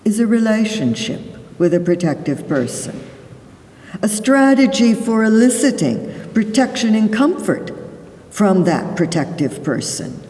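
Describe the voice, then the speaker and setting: A woman psychologist giving a conference lecture, explaining deliberately and stressing key words. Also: medium pitch, very animated, warm tone. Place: large conference hall. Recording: echoey hall, voice from far off the mic.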